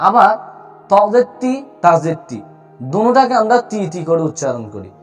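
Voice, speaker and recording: Male teacher, high voice, patient repeating drills, soft music under the voice. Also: sing-song. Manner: explains slowly, repeats letter sounds for drill. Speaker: Quran recitation teacher. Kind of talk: spoken tutorial.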